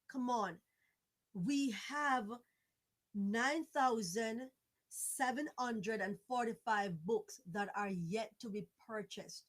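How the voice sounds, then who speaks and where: A woman from Jamaica pleads with listeners on a livestream, leaning on repetition and a preacher-like rhythm. She speaks slowly and deliberately, her voice sitting a little above the usual range for a woman. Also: on the high side. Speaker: fundraising campaign speaker. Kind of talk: impassioned livestream appeal. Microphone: livestream microphone.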